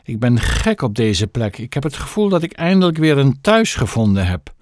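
A man doing a gentle old tramp. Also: mid-range voice, big pitch swings, normal speed, dry recording, studio quality, close to an everyday voice. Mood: grateful. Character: grateful old male tramp, gentle and cozy. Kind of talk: audiobook character voice.

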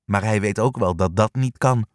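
A man reading a children's story aloud with an expressive, animated manner. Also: lowish voice, moderate pace, dry recording, clean studio sound.

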